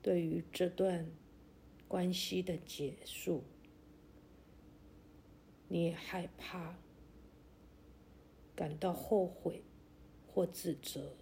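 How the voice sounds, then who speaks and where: A woman narrating a guided meditation like a sleep story, in a gentle, soothing, deliberate way with long pauses. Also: fairly low pitch, fairly even intonation, gravelly, slight background noise.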